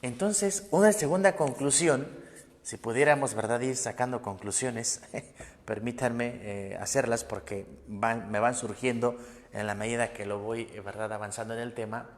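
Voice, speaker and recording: Priest preaching in an echoey hall. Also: male voice, medium pitch, moderate pace. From Mexico. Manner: emphatic, repeats key phrases, frequent "¿verdad?". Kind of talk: sermon. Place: parish church.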